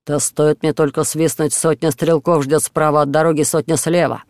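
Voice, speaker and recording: A man's voice: a little high, level tone, normal speed, no echo, studio quality, close to an everyday voice. A man voicing a big, cocky outlaw who mocks and threatens. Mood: menacing. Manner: sarcastic, threatening. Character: big bold mocking male outlaw.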